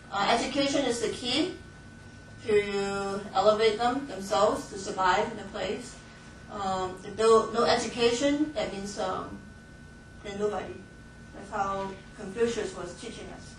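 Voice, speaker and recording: Distant echoey woman lecturing a class. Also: medium pitch. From Hong Kong. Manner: chatty, laughs often, many fillers and restarts. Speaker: missions training instructor. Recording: echoey room from far off, faint noise.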